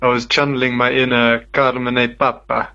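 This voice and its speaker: Man with a British accent running a casual quiz, halting delivery, muffled remote line. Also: mid-range voice, little pitch movement, creaky, sharp tone. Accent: British English. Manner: hesitant, filler-heavy, laughs often. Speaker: guest quizmaster. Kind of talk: casual live radio chat.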